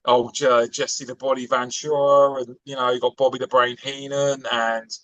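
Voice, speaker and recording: A man in his forties is a guest on a podcast, chatting casually and rambling with enthusiasm and lots of filler words. His medium-pitched, slightly bright voice has a flat delivery at normal speed, recorded lo-fi with no echo.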